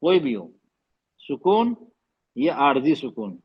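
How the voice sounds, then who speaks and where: A man's voice: mid-range voice, big pitch swings, slow, breathy edge, dull audio. A man teaching Quran recitation over a video call, explaining patiently, repeating terms and demonstrating the sounds. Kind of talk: online class lesson.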